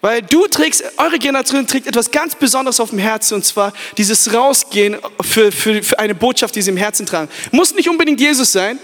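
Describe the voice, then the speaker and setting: Give me a high-pitched young man preaching animatedly to a crowd in an echoey hall. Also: fairly quick, few pauses. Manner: animated, hype, full of restarts and English fillers. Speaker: youth pastor. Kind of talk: energetic sermon. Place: large hall with live audience.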